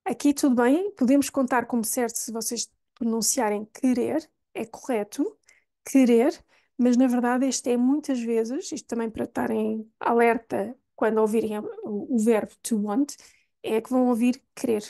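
A woman's voice: fairly high pitch, steady tone, mellow. European Portuguese woman teaching pronunciation. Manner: slow, clear demonstrations of single words. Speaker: language teacher. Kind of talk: pronunciation lesson.

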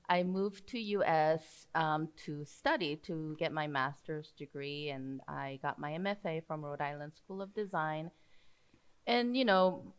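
A woman, introducing herself as an artist and professor on a panel, modest and soft-spoken with many fillers. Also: deep voice, clear, resonant tone. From South Korea. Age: 40s. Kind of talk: panel talk. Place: theater stage before an audience.

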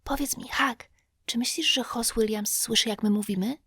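A woman voicing a frightened young boy in an audiobook, speaking in hushed, anxious whispers while trying to sound brave. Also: high voice, normal speed, no room sound, clean studio sound, pitched above the performer's own voice. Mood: hushed fearful. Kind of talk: audiobook character voice.

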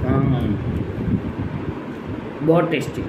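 A chatty woman speaks through a mouthful of food, chewing as she talks to her viewers. She takes her words slowly and unhurriedly. The room echoes around her, with loud noise behind her voice. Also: a bass voice. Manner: chatty, shows each dish to viewers. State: chewing while talking. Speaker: food vlogger. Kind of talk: casual eating-show vlog. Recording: roomy echo with loud background noise.

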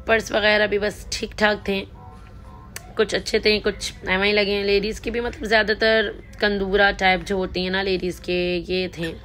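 A woman narrates a walk through a big indoor supermarket for her vlog, chatty and easygoing, reading prices out and mixing in English words. Her mid-range voice has a fairly bright tone, flat delivery and moderate pace, with soft music playing in the background.

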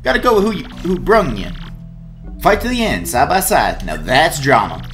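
A folksy, boisterous fight promoter hollers in a thick Southern drawl, as a man puts him on. The voice sits high and bounces all over. He sounds like a scheming video-game boss. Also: very animated, normal speed, a bit bright, faint music behind. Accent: put-on Southern US drawl. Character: loud folksy male fight promoter, middle-aged.

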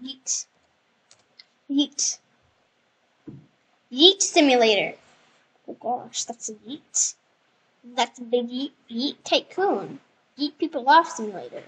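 A young female gamer chatting excitedly while playing, chanting words and breaking into screams. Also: fairly high pitch, slow, long pauses, low-quality recording. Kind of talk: casual gaming chat.

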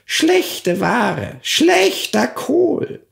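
A man puts on a shrill, croaking old fairy-tale witch, hunched and spiteful, who mutters her words in drawn-out, sing-song repetitions. Her voice sits far above a normal speaking pitch and stays hoarse throughout. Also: big pitch swings, full character voice. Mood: muttering.

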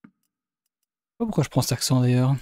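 A man's voice: medium pitch, animated, normal speed, mellow. Chatty Belgian gamer narrating his play. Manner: chatty, thinks aloud, trails off mid-sentence. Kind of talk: live gameplay commentary.

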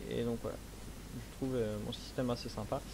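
A man's voice: mid-range voice, level tone, gravelly, darkish tone, a little hiss or hum. Hesitant young man explaining gameplay. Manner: hesitant, many fillers, explaining slowly. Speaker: let's play host. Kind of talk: casual gameplay commentary. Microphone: headset.

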